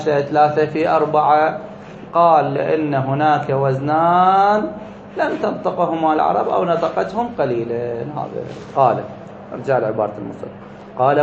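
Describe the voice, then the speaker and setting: A man's voice: on the high side, slight background noise. Man teaching grammar in an echoey room. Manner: explains step by step, asks and answers his own questions. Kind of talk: grammar lesson explaining a text. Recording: echoey, slightly dull room recording.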